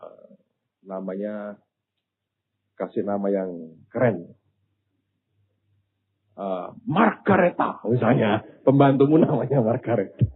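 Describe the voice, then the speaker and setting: An older man, preaching a sermon with storytelling and animated, sometimes loud exclamations. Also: lowish voice, slow pace, long pauses, breathy edge. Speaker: pastor. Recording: phone-like thin sound.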